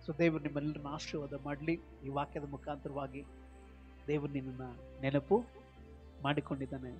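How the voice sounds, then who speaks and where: A man pastor with a Kannada accent preaching a sermon, swinging between loud exclamations and soft intimate appeals, often repeating his phrases. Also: a little high, level tone, moderate pace, faint music behind. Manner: repeats phrases, mixes English words into Kannada. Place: prayer hall.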